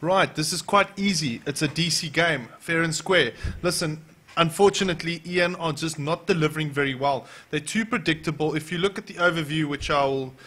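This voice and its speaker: A man's voice: a little high, fairly quick, sharp tone. A man with a South African accent casting a live esports match in a chatty, opinionated way. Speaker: esports caster.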